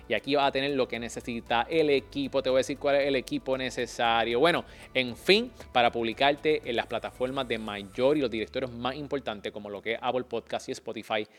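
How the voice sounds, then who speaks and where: A man hosting a podcast interview, enthusiastic and slangy, calling his listeners "mi gente.". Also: medium pitch. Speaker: podcast host. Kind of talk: casual podcast interview with ad reads. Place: podcast studio.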